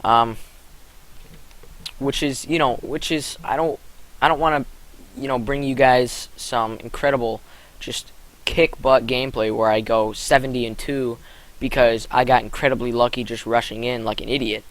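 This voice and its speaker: A man's voice: mid-range voice, steady tone, moderate pace, poor audio. A young man giving casual gameplay commentary, rambling with fillers and correcting himself as he goes. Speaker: gaming commentator.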